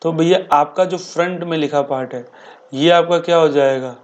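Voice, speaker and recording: A male chemistry teacher giving a board exam revision lecture in casual Hindi, asking rhetorical questions and answering them himself, repeating key terms slowly. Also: on the high side. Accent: Hindi-speaking Indian. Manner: addresses students as beta and bhaiya.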